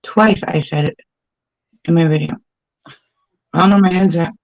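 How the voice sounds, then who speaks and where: A woman's voice: lowish voice, fairly even intonation, normal speed, creaky, dry recording, dull audio. A woman in her forties chatting casually on a livestream, talkative and poking fun at herself. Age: 40s. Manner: talkative, self-deprecating.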